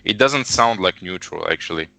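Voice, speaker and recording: A man in a beginner language lesson on a video call, his voice very deep, bright and crisp. He speaks slowly and earnestly, working through his thoughts out loud, with a dry, close sound. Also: lively intonation, no room sound. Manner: earnest, thinks aloud with fillers. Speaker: student. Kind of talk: casual lesson talk.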